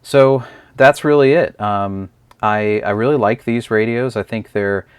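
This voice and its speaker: Reviewing a gadget off the cuff, a man speaks in a fairly low voice, slow and a bit hesitant as he explains. The sound is clean, close and dry, with no sense of the room.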